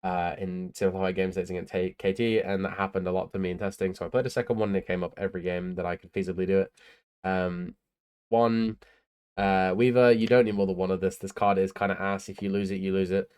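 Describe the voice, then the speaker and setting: A man's voice: deep voice, level tone, brisk, darkish tone, clean tone. A tired young man casually talking through his tournament card deck in a laid-back, rambling way, with lots of ums and uhs. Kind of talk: casual deck profile talk.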